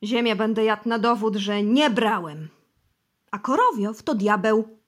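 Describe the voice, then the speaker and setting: A woman voicing a heavyset, frightened middle-aged official who pleads, shouts and swears his innocence in an audiobook. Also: medium pitch, takes it slowly. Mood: desperate. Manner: shouting, pleading, crossing himself.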